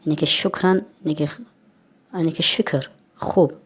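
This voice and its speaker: A woman with a Tajik accent hosting a language lesson, saying words slowly and then explaining what they mean. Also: low voice, fairly even intonation, husky. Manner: repeats words slowly, then glosses them. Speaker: lesson host and translator.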